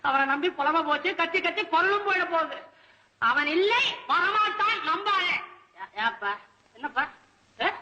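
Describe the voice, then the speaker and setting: A man's voice: very high voice, animated, brisk, noisy background. A man playing a poor, panicky male poet in a comic scene reenactment, whining and wailing.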